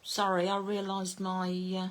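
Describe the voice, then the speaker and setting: A woman's voice: medium pitch, monotone, unhurried, heavy background noise. A middle-aged woman, chatting casually on a craft live stream and greeting viewers by name. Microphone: phone camera.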